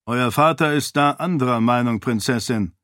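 A man voicing a stern, cunning male warrior priest with a slight foreign accent, speaking calmly and condescendingly. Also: medium pitch, no room sound, clean studio sound, lightly acted. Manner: calm, measured, condescending.

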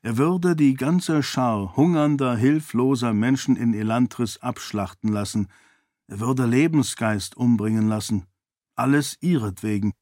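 Male audiobook narrator, mid-pitched, steady and measured, dry studio sound. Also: no echo. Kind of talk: scripted fantasy narration.

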